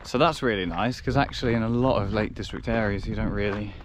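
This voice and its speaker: A young hiking vlogger speaks fast in a lower voice while filming on a handheld action camera on a wooded fellside, with background noise around him. He chats and rambles, teasing himself and starting over often.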